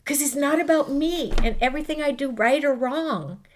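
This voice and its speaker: An American woman in middle age with a fairly high voice. She talks in a heartfelt, conversational way, earnest and expressive. She repeats key phrases for emphasis, as a guest telling her own story. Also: normal speed, a little hiss or hum. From Hawaii.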